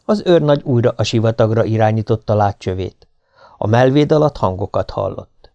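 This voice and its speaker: A male audiobook narrator reading an adventure novel in a steady, measured way. His voice is low and mellow with a dark tone. The recording is dry and close, with no room sound behind it. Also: gravelly, dry recording, muffled recording.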